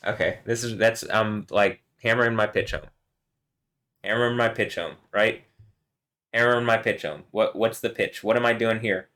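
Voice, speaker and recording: This solo vlogger has a deep, slightly bright voice and talks at a normal speed. His monologue to camera wanders, peppered with swearing, frequent chuckles, and thoughts left unfinished.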